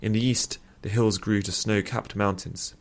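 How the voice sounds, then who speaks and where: A man reads a fantasy story aloud as its narrator. His voice is very low and gravelly. He keeps a steady storytelling pace. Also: moderate pace. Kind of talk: fiction read-aloud narration.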